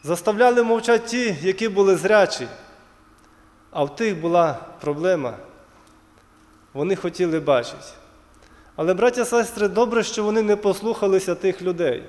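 Addressing his listeners as brothers and sisters, this preacher retells scripture and stories in a church whose long hall reverb carries his words. He has a high, slightly mellow voice with lively intonation and a moderate pace.

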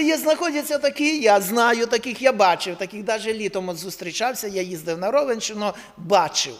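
High voiced preacher guy, loud then quiet, echoey church hall. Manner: swings between loud exclamations and quiet, low storytelling. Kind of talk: sermon.

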